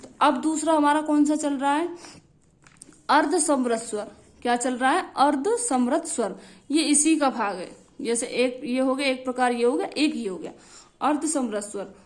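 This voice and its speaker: Young woman, teacher, high voice, repetitive drilling, frequent check-ins. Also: measured pace. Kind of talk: explanatory teaching lesson.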